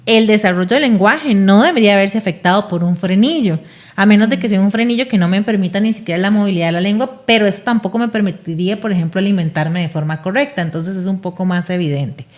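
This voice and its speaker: A woman's voice: medium pitch, fast, a little mellow. A woman speaking as a speech therapist guest on a podcast, explaining patiently and often checking in with "¿verdad?".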